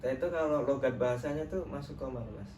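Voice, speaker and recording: A young man playing a trainee counselor in a role-play session talks fast in a mid-range voice, casual and friendly with lots of fillers. The recording is roomy with a distant mic, clear background noise, and music in the background.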